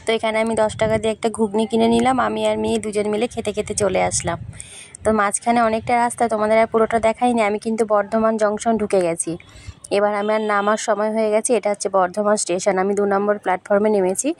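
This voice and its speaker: A woman's voice: mid-range voice, level tone, fast, gravelly, a little mellow. A young woman from West Bengal narrating her travel vlog in a friendly way, talking straight to her viewers, with a sore throat. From West Bengal, India. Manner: friendly, addresses viewers directly. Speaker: vlogger.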